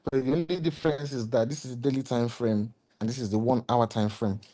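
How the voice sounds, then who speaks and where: A man with a mid-pitched, slightly hoarse voice teaches a trading lesson over his chart. He explains patiently, circles back to the same points and throws in rhetorical questions. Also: fairly even intonation, fairly quick, warm tone. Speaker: trading mentor. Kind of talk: screen-share trading lesson.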